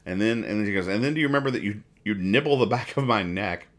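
A man with a fairly low voice hosts a casual comedy podcast where he reads newspaper comics. He describes the strips and explains the gags in a meandering, stop-start, faux-serious manner.

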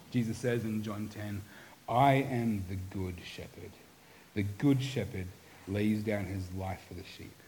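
A middle-aged man preaching a sermon as pastor, earnest, moving between animated and hushed passages. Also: on the low side, a little hiss or hum, low-quality recording.

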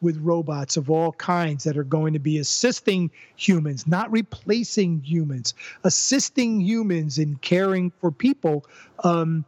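High-voiced older man, thoughtful and halting. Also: a little mellow, dry recording, lo-fi sound. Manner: thoughtful, halting restarts, repeats words while building a point. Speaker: podcast guest, psychologist and former professor. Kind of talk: conversational interview.

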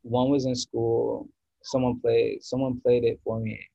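A man's voice: mid-range voice, little pitch movement, a little slow, vocal fry, warm tone, breathy edge, no room sound, highs cut off. A man from the US East Coast, a guest musician in a casual podcast chat, rambling and searching for words with many restarts.

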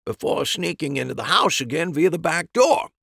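Man voicing animated, high-pitched amateur sleuth. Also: moderate pace, vocal fry, breathy edge, no echo, clean studio sound, heavily acted. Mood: emphatic explaining. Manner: emphatic, explanatory.

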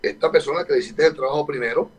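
A man's voice: on the high side, very fast, distant mic, poor audio. A man, a photographer and workshop teacher, talking casually and emphatically in an interview, repeating his points with lots of fillers.

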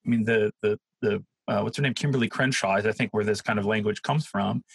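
A man talking theology in a casual academic conversation, often hunting for names and words, animated and laughing at times. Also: fairly low pitch, fast talker, gravelly, slightly rough, no echo, poor audio.

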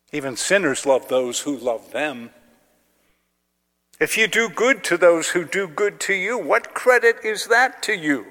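A man, a clergyman, solemnly proclaiming scripture in deliberate short phrases, in a cathedral-like echo. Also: on the high side, a bit bright. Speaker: clergyman reading the Gospel. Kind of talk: solemn liturgical Gospel proclamation. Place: large reverberant church. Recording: cathedral-like echo, long reverb.

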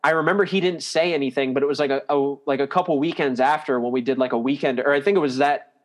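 A man's voice: medium pitch, steady tone, fast talker. A man casually retelling an old road story, rambling and full of "like" fillers as he corrects himself mid-sentence. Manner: rambling, heavy use of "like", self-correcting.

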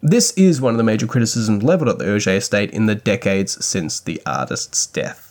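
A man hosting a podcast, reading scripted news commentary with dry, wry asides. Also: mid-range voice. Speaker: podcast host.

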